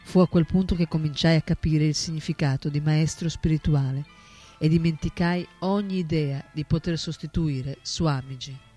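Mellow male audiobook narrator. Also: a little high, steady tone, normal speed. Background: faint instrumental music.

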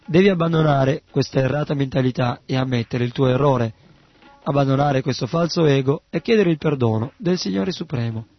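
A man voicing a calm, firm male magistrate who speaks in a measured, steady way. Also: mid-range voice, highs cut off, soft background music, natural voice. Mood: admonishing.

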